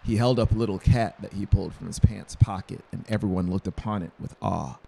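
A man in his thirties narrates a scripted story as an audiobook reader, speaking fairly quickly in a low, dark voice with vocal fry and a breathy edge. He is close on a dynamic mic on a boom arm in a small brick-walled home studio.

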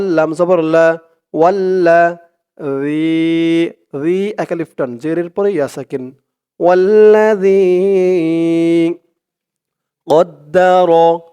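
A man teaching Quran recitation in a step-by-step lesson, with a Bangladeshi accent. He spells out each letter and vowel, then recites the words slowly and drawn out. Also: fairly high pitch, a little mellow, clear, resonant tone.

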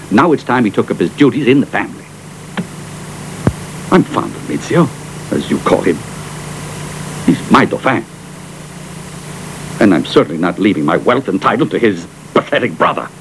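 A man's voice: on the low side, very animated, normal speed, pauses often, a little hiss or hum, poor audio. Brief: a middle-aged snob of a father, scornful, sweeping intonation. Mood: condescending. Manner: pompous, sneering. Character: haughty rich aristocratic father, scornful and sly. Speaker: wealthy father. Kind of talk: dubbed film acting.

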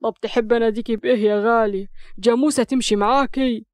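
A woman's voice: fairly high pitch, steady tone, fast, darkish tone, dry recording, clean studio sound, lightly acted. A woman voicing a teasing young husband, speaking with an Upper Egyptian accent in mock-cool banter. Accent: Upper Egyptian Arabic. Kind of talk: audio story reading.

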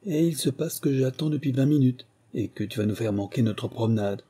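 A man's voice: medium pitch, fairly quick, warm tone, breathy edge. A man playing a huffy young brother. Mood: indignant. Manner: huffy, indignant. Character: grumpy young man, impatient older brother type.

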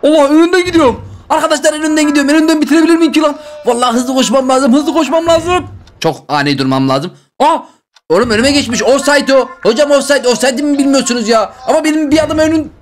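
High, fast-talking excitable gaming guy. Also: a little hiss or hum. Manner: excitable and joking, talks to viewers. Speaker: gaming channel host. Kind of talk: excited gameplay commentary.

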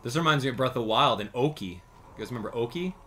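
A man in his thirties commentates casually on a gaming livestream. His pitch swings widely as he chats with viewers, giving him an animated, easygoing streamer sound. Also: racing. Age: 30s. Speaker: livestream host playing a video game. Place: indoor streaming setup.

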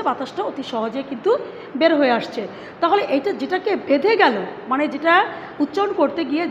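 Female teacher, high voice, patient step-by-step explainer, asks students questions; lo-fi with long reverb. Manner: sounds out syllables slowly. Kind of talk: online class lecture. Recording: dull lo-fi sound with long reverb and faint noise.

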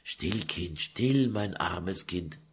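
A man reading a German audiobook, voicing an older mother who soothes her daughter softly. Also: deep voice, expressive, drawn-out words, a little hiss or hum, exaggerated voice. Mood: hushed tender. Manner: soft and hushed.

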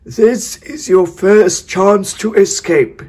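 A man voicing a wicked, cruel male wizard who gloats and speaks in a slow, drawn-out, booming way. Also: darkish tone, husky, full character voice. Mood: gloating.

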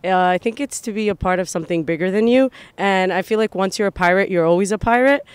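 A man's voice: high-pitched, fast talker, clear, resonant tone, no echo. A young man, a student, answering earnestly and sincerely. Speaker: student interviewee.

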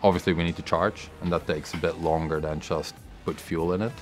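A man's voice: low voice, little pitch movement, fairly quick. A man explaining technical details in a documentary interview, matter-of-fact, often repeating words. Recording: music bed under voice. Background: music bed.

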